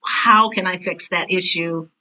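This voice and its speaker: Speaking with a lowish, steady voice at a measured pace, pushed and bright, this older interview guest chats casually. A theater teacher and author who calls herself intense and direct, she hammers points home by repeating phrases.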